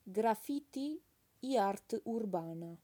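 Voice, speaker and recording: Slow, mellow woman dictating. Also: medium pitch, lively intonation, breathy edge. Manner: repeats each phrase slowly, calling out punctuation. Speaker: dictation teacher. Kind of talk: slow dictation with punctuation read aloud.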